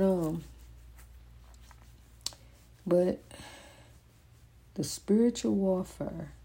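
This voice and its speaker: Recording indoors at home, the woman speaks in a warm, slightly rough, low-leaning voice on her own motivational program. Her faith-filled talk rambles with many fillers and restarts, and she repeats phrases for emphasis.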